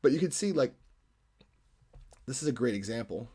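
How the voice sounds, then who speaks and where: Sketching on a livestream, a man talks casually to viewers in an expressive, warm, mid-range voice that is slightly rough. He speaks at normal speed, commanding like a salesman, and rambles and corrects himself. He is close on the mic with no room sound.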